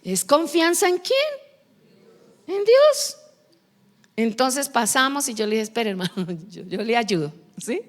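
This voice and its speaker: A Colombian woman pastor preaching a sermon, telling stories with lively acted-out voices. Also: fairly high pitch, unhurried, pauses often. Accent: Colombian Spanish. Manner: lively storytelling preacher, acts out quoted voices. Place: church hall. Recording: long church hall reverb.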